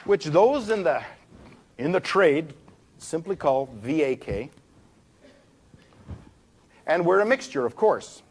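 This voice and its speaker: A man teaching a live seminar to a room of people, animated, demonstrating different ways of speaking. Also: a little high, takes it slowly, pauses often. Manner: animated, demonstrates voices while explaining. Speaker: trainer.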